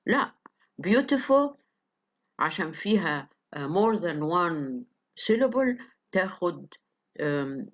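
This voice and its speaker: Egyptian woman lecturing, muffled recording. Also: sits low. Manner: explains step by step with many hesitant fillers. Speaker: university lecturer.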